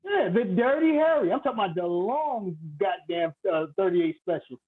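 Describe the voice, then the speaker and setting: High-voiced man on a crackly phone line. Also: normal speed. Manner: animated, loud and playful, vivid street storytelling. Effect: crackly, staticky phone line. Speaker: guest predicting a boxing fight. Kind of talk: casual trash-talking chat. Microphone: cheap phone.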